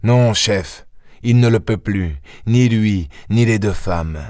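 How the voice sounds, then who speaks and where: A man voicing an impatient, gruff middle-aged police inspector who talks in an excitable, insistent way, for an audiobook. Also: on the low side, takes it slowly, no echo, clean studio sound. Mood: confident. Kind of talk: audiobook character voice.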